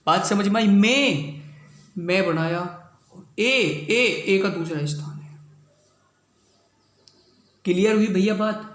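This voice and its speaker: A man with a high voice teaches a shorthand lesson, walking through each step and repeatedly asking his students if they follow. The room is echoey. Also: slow pace, long pauses, fairly bright tone. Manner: repetitive, checks understanding with "clear hui bhaiya baat". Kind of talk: classroom lesson.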